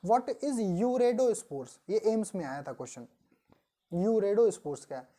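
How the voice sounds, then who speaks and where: A woman teaching biology for an exam-prep class, reading English definitions slowly and explaining them in Hindi, asking the class questions and answering them herself. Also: mid-range voice, sing-song, warm tone. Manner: addresses students as "beta". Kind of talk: online coaching lecture in Hindi mixed with English terms.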